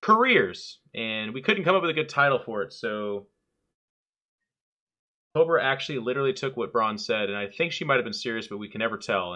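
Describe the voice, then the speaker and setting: A man's voice: medium pitch, pushed and bright. A man hosting a casual podcast chat, joking and rambling loosely as he introduces the talk. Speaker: podcast host.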